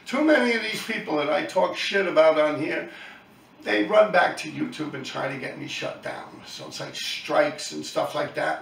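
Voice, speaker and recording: Creaky, a little high and a bit bright, this man's voice comes across roomy and distant from the mic. He's a YouTube host and graffiti writer from New York City, in his 50s, delivering a blunt, profane monologue full of rambling asides.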